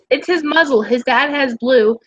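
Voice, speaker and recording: Young woman streamer, bright high voice, chatty and giggly, muffled dry mic. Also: no room sound. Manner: chatty, giggly, quick asides. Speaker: live streamer and artist. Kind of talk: casual live-stream chat.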